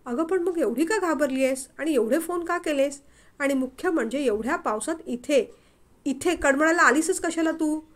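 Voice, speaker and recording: A woman's voice: sits high, normal speed, natural voice. A woman voicing an anxious, protective young man in love in a read-aloud story, urgent and pleading. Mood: alarmed.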